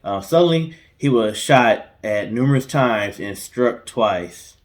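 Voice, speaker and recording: Slow and expressive, this medium-pitched man co-hosts a storytime guessing-game show, telling a story from notes in a colloquial, laid-back manner peppered with asides and banter.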